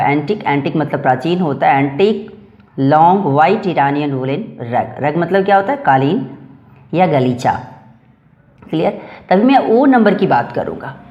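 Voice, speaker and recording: A man's voice: a little high, a little mellow, dull audio. Methodical male grammar teacher. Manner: reads English example sentences slowly word by word; drills through lists with repeated "after that". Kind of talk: grammar lesson explaining examples.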